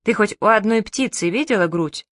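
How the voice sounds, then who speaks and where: A woman voicing a stern, sharp-tongued elderly grandmother in an audiobook, grumbling and sarcastic. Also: medium pitch, normal speed, no echo, studio quality, close to an everyday voice. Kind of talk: audiobook character voice.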